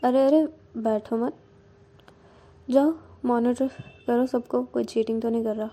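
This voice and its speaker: A woman's voice: a little high, fairly even intonation, a little slow, mellow. A woman voicing a young female teacher who gives cool, needling orders to a colleague. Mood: bossy. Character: bossy teasing female teacher, young adult.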